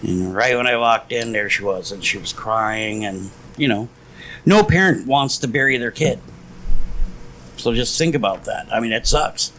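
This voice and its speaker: A man's voice: medium pitch, moderate pace, fairly bright tone, slight background noise, low-quality recording. Profane laughing podcast guy. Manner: profane storytelling, laughs a lot. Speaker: podcast co-host. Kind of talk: casual drinking-podcast chat.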